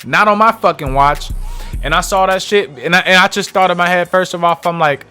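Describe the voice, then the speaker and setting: A young man with a fairly high voice tells a story from his own life in a loose, heated way, swearing freely. Soft music plays faintly in the background. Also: fairly quick, clear, resonant tone. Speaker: vlogger. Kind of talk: casual storytime.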